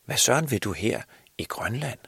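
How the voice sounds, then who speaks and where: A man voicing a jolly, kindly old Santa who coaches a younger man's voice, loud and encouraging. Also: very animated, gravelly, breathy edge, dry recording, full character voice. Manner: booming, encouraging, raised voice.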